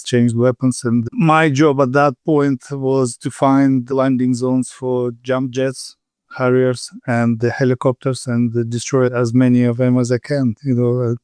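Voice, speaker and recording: Ukrainian man, 50s, podcast guest, level delivery, smooth voice. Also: mid-range voice, a little mellow, dry recording. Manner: candid storytelling with pauses and fillers. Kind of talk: casual interview over a call.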